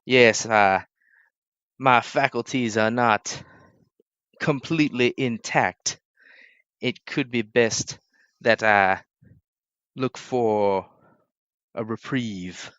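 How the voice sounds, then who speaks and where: Guy doing a slow formal weirdo lord, stately and sheepish, smooth dry voice. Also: medium pitch, a bit bright, dry recording, highs cut off. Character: odd formal male noble, sheepish and eccentric.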